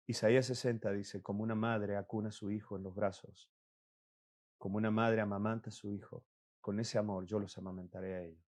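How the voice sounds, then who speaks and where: A man delivers a church sermon with a low, mellow voice. He preaches earnestly, stressing and repeating his key words and sometimes restarting a phrase as he builds his point. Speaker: pastor.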